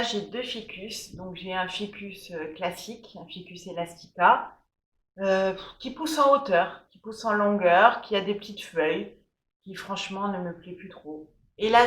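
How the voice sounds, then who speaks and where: A woman's voice: lowish voice, fairly bright tone. Woman, enthusiastic plant vlogger, casual home chat, roomy echo. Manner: enthusiastic, chatty, many fillers. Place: room at home. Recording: echoey room.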